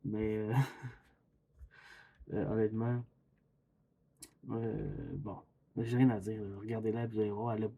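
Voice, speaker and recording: A man's voice: fairly low pitch, little pitch movement, takes it slowly, vocal fry, pauses often, mellow, muffled recording, slight background noise. A man with a Québécois accent chatting casually as he reacts to a video, rambling and chuckling. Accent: Québécois French. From Quebec. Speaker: YouTube reaction host.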